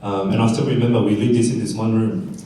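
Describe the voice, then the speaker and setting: A man from South Korea who later moved to Australia tells reflective, off-the-cuff personal stories as a panelist at a community fireside chat. His lowish, mellow voice is level in tone and quick in pace. He's on an event stage in an echoey indoor room, sounding distant from the mic with faint background noise.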